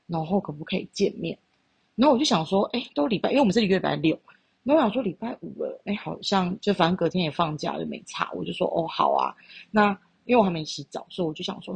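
Husky gravelly Taiwanese woman. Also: fairly low pitch, no room sound. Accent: Taiwanese Mandarin. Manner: candid, blunt, swears freely. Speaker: podcast host. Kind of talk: casual storytelling chat.

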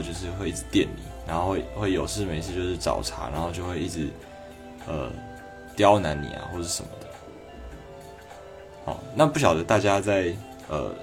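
A man with a Taiwanese Mandarin accent, a doctor giving a reflective, conversational advice talk on a livestream. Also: deep voice. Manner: reflective, conversational, acting out quoted people.

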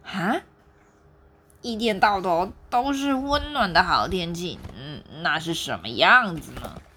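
A woman's voice: fairly low pitch, animated, slow pace, pushed and bright, a little hiss or hum, full character voice. A woman doing a wide-eyed little penguin. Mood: curious.

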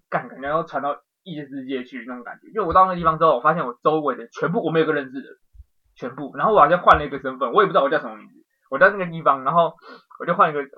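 Guy rattling off a wild dream story super fast, kinda high voice, muffled lo-fi sound. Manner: excitable storytelling, rapid, swears casually. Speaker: podcast co-host. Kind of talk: casual chat, telling a dream. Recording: dull lo-fi podcast audio.

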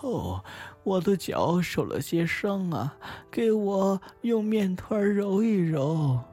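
A man's voice: sing-song, slow, mellow, husky, faint music behind, full character voice. A man voicing a sly hungry wolf who fakes a sweet mother's voice, sugary and scheming. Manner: sugary falsetto with a sly edge.

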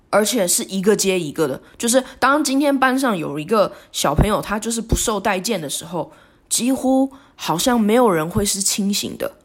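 A woman hosting a solo podcast, talking in a halting, remorseful way with many restarts. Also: mid-range voice, husky. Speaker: podcast host. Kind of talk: reflective solo podcast monologue.

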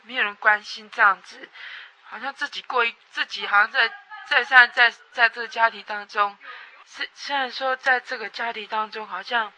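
A young woman from Taiwan, giving a personal testimony in a halting way that repeats words and swings between loud and soft. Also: a little high, steady tone. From Taiwan, Atayal people. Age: young adult.

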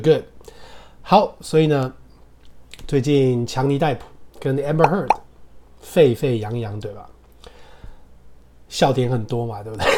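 A man with a Taiwanese Mandarin accent teaching English casually, drilling words slowly and laughing as he goes. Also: mid-range voice, background noise. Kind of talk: casual podcast English lesson. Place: hot room with motorbike traffic outside.

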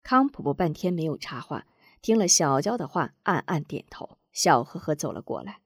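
A woman storyteller narrating a martial-arts tale with expressive, dramatic delivery. Her pitch rises and falls in a lively way. The recording is close and dry, with no room sound. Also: moderate pace, breathy edge, no room sound.

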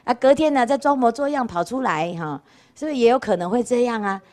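Chatty nun lecturing. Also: female voice, a little high, animated, fast, a little mellow. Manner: chatty, keeps asking rhetorical "right?" questions. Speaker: Buddhist nun lecturing on scripture. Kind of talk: casual storytelling dharma talk. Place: temple lecture hall.

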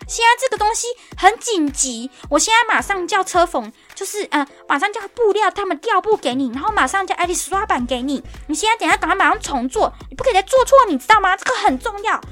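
A frantic, bossy coworker woman who shrieks that everything is an emergency, as a woman puts her on. Her voice sits far above a normal speaking pitch and she nags in shrill, alarmed repetition. Soft music plays faintly behind her. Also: lively intonation, quick pace, few pauses. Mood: scolding.

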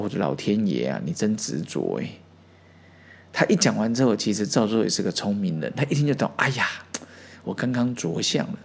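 A man hosting a podcast, calmly explaining old Zen stories and briefly acting out the quoted exchanges. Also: medium pitch, husky. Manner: unhurried, acts out quoted exchanges in small voices. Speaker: podcast host.

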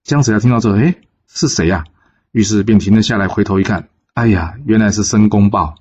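A man casually narrating a classic folk tale in a relaxed, filler-heavy way. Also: on the low side, fast talker, husky, highs cut off. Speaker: storyteller.

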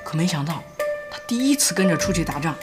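An actress playing a resistance agent who briefs a comrade in a steady, matter-of-fact way. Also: female voice, sits low, fast talker, over loud music. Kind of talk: radio drama acting.

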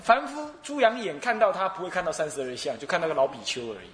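A man's voice: high voice, sing-song, fast, a bit bright, roomy sound. A male Buddhist abbot with a Taiwanese Mandarin accent, preaching a sermon as a playful, laughing storyteller. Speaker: abbot and dharma teacher.

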